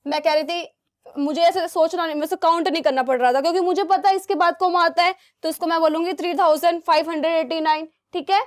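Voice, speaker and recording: A young woman teaching a math lesson to children, coaxing the class with constant check questions. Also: sits high. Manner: asks many check questions, coaxing and repetitive.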